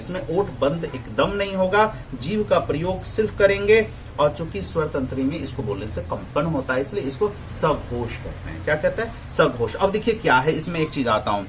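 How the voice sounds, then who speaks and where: Man teaching vowel sounds, slightly high voice. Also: fairly bright tone, slight background noise. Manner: drawn-out demonstration of vowel sounds, frequent "है ना?" check-ins; digresses into opinionated asides. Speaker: Hindi pronunciation teacher. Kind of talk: lecture explaining vowel articulation.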